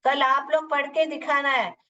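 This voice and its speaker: Her voice sits high and steady, pushed and bright, with slight background noise under a dull, distant lo-fi recording. She leads a live online phonics lesson, slowly drilling letters one by one and explaining in Hindi mixed with English words.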